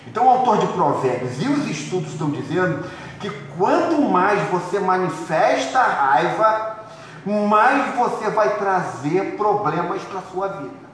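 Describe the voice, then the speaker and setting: A man preaching a sermon as pastor, lively and conversational, acting out the voices of his congregation. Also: high voice, measured pace. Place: church hall. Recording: echoey hall, far from mic, faint noise.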